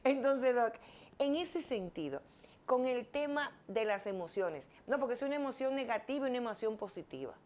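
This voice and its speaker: A woman's voice: on the high side, animated, normal speed, a little mellow. A woman hosting an interview, asking reflective, probing questions. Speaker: interview host. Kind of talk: conversational interview.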